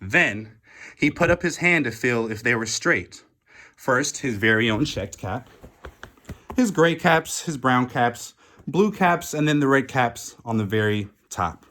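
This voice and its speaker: A storybook reader, a man with a mid-range voice, reads a children's picture book aloud expressively and deliberately, using dramatic pauses.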